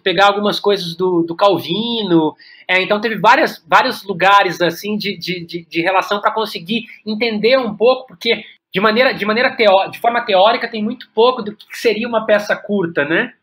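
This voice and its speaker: A Brazilian playwright and director, guesting on a reflective podcast interview, speaks Portuguese in a high, fairly bright voice. He is thoughtful and hesitant, often repeating words while searching for the next one.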